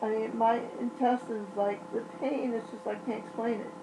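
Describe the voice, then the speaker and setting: A woman's voice: on the high side, steady tone, moderate pace, background noise. A woman vlogging casually while in pain and on medication, blunt and profane, rambling and restarting often. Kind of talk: casual vlog monologue.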